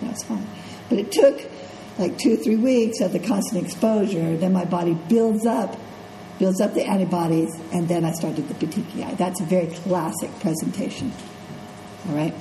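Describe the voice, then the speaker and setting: Her voice is fairly low and dark, congested, belonging to a middle-aged nursing instructor lecturing her class in a conversational way. She punctuates points with "okay?" and "right?" as she checks in. Slight background noise and faint ambience fill the echoey classroom.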